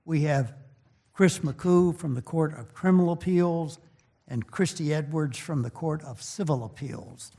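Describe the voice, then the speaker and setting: A man's voice: fairly high pitch, measured pace, dark tone. An older man makes formal remarks as a presiding judge in a courtroom. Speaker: chief justice presiding in court.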